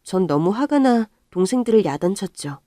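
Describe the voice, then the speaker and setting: A woman narrating a first-person life story in a calm, subdued way. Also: medium pitch, moderate pace, dry recording, studio quality.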